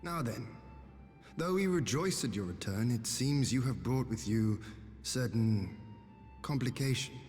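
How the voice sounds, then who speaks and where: An actor playing a composed, noble lord in a video game, speaking in formal, deliberate, archaic phrases. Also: male voice, mid-range voice, lively intonation, a little mellow, close to an everyday voice. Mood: stern, commanding. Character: noble male lord and leader, grave, composed, stirring. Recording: long hall reverb, faint music.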